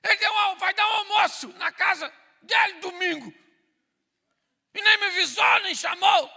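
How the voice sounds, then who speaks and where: A male preacher voicing an upset wife who shouts indignantly at her husband. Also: big pitch swings, slow pace, heavily acted. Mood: outraged shouting. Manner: shrill and indignant. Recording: reverberant church hall.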